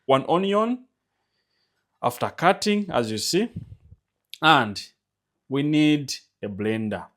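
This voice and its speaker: A man's voice: medium pitch, expressive, slow, long pauses, fairly bright tone. A man from Uganda with a Ugandan English accent, giving a casual home-remedy tutorial. He talks emphatically and repeats his calls to subscribe, his voice rising on key words. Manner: repetitive, urging viewers to subscribe. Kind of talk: casual instructional vlog.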